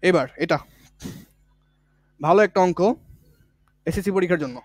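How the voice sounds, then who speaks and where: High-voiced male physics teacher, repetitive. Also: normal speed, dry recording, studio quality. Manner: explains step by step, repeating key points; colloquial, with village words. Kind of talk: online exam-prep lesson.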